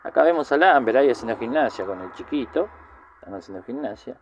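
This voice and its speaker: A man's voice: mid-range voice, lively intonation, fast, dull audio, a little hiss or hum. A man with a Rioplatense Spanish accent giving a casual, chatty film recap, rambling with lots of filler words. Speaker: film commentator.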